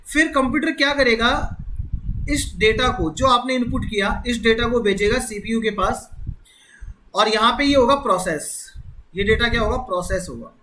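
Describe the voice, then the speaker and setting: High, bright-voiced man teaching. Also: moderate pace, poor audio. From India. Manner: explains step by step, repeating key words. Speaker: reasoning teacher. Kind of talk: exam-prep classroom lecture.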